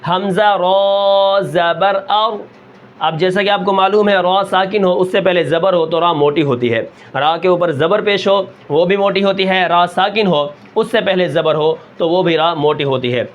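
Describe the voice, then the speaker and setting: High-voiced Urdu man teaching recitation slowly. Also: dull audio. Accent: Pakistani Urdu. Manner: stretches each example syllable slowly, then explains. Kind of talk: slow drilled lesson with rhetorical questions.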